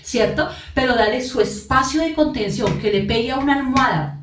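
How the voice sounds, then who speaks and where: A woman's voice: on the high side, brisk, slight background noise. A woman giving parenting advice in a podcast monologue. She speaks earnestly and straight to parents, and she repeats her key points. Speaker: parenting coach. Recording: echoey room, distant mic.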